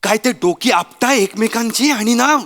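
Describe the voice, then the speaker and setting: A man's voice: very high-pitched, animated, moderate pace, fairly bright tone. A man playing a harried young husband caught between his wife and his mother, exasperated and preachy, with a Marathi accent. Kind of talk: sketch comedy acting.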